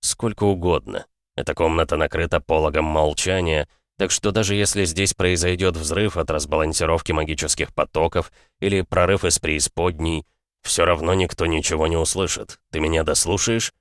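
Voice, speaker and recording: A man voicing a calm older aristocrat father in an audiobook, measured and coldly matter-of-fact. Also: very deep voice, dry recording, studio quality. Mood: explaining. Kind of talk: audiobook character voice.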